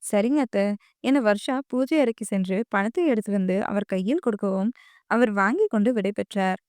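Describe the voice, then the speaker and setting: A woman narrating an audio novel in a steady storytelling manner. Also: medium pitch, normal speed, clear, resonant tone, no room sound, studio quality. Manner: steady storytelling, voicing every character.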